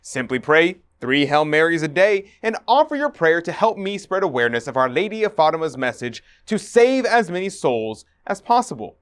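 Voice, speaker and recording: A man's voice: a little high, sing-song, moderate pace, few pauses, fairly bright tone, smooth. A man hosting and narrating in an earnest, preachy scripted manner. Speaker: host.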